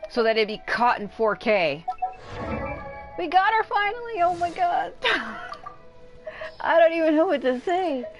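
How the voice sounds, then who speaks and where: A woman with an extremely high, sing-song voice livestreams a game, speaking a little slowly with long pauses. The lo-fi audio carries game music behind her rambling, informal chatter and occasional casual swearing.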